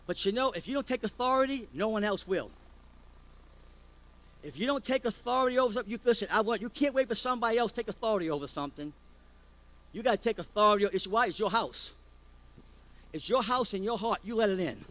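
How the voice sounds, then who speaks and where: A man delivering a sermon with a high-pitched voice. He preaches forcefully and keeps throwing rhetorical questions at the congregation. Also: lively intonation, fast, pauses often, poor audio. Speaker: pastor.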